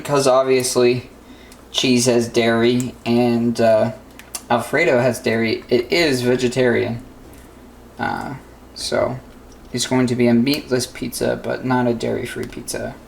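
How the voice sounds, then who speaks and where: A man's voice: mid-range voice, creaky. Young man, casual vlog, rambling and easygoing, echoey kitchen with a faint hum. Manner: rambling, filler-heavy, easygoing. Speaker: vlogger. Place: home kitchen, indoors.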